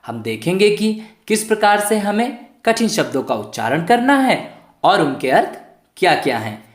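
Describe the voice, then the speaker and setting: A man's voice: high voice, very animated, moderate pace. A man tutoring young pupils in an online lesson, asking the class questions and answering them himself, sounding out words letter by letter. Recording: echoey room.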